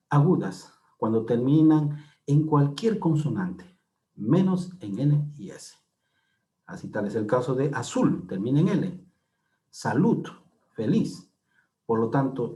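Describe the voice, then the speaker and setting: A man teaching a grammar lesson, patient and measured, repeating key words and checking in with frequent tag questions as he walks through examples on a slide. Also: mid-range voice, warm tone. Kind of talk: classroom lecture explaining slides.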